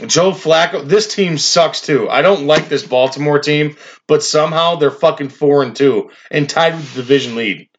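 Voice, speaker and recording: A man's voice: a little high, moderate pace, highs cut off, slight background noise. A man doing a casual football recap for fantasy players, profane and exasperated as he rants about the week's games.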